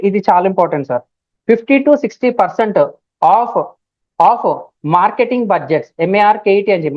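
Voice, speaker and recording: Woman trainer, Telugu accent, live online class; loud and emphatic, repeats and spells out terms; muffled, dead-dry audio. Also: medium pitch, dry recording. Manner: spells words out letter by letter. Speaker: digital marketing trainer. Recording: dull, dry lo-fi stream audio.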